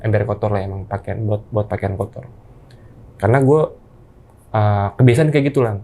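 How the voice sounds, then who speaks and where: A man, casually recounting a ghost story as a guest, halting and unhurried with slangy asides. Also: fairly low pitch, fairly even intonation, vocal fry, dark tone.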